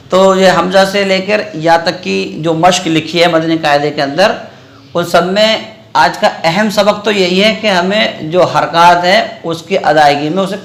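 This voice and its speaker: A man's voice: high-pitched, a bit bright. A man teaching a Quran reading lesson in a classroom. He drills syllables one by one and keeps checking that his students follow. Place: madrasa classroom with students present. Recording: roomy echoey classroom.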